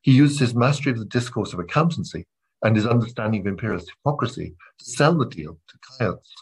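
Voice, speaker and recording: Husky, low-voiced male professor lecturing. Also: lively intonation, rough recording. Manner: measured, reads quoted passages aloud between comments. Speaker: literature professor giving a lecture. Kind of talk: academic lecture.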